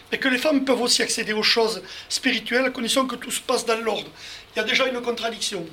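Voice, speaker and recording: This Bible teacher speaks in a very high, sharp-toned voice as he explains scripture to a group verse by verse, talking straight to the people in front of him. There's slight background noise.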